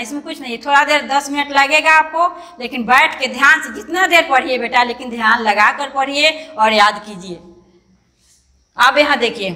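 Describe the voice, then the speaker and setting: A woman teacher with a high, bright voice, sounding out each syllable patiently for young pupils. Her voice rings with a long reverb. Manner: patient, spells words out syllable by syllable; calls the pupil "beta" fondly. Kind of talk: online class for children.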